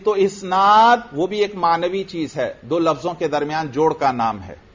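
High-voiced man teaching a grammar lesson. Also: measured pace, fairly bright tone, dull audio. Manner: explains by question and answer; repeats points for students. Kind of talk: Arabic grammar lesson in Urdu.

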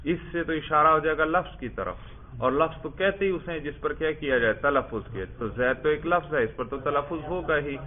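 A man teaching Arabic grammar to a student, asking questions and slowly repeating the correct answers. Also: fairly high pitch. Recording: tinny phone-like lo-fi audio.

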